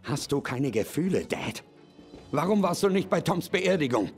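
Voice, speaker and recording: A man's voice: mid-range voice, lively intonation, moderate pace, soft background music, lightly acted. An actor playing a distressed grown son in a video game, pleading with and accusing his father. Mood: questioning, accusing. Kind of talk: dramatic video game acting, German dub.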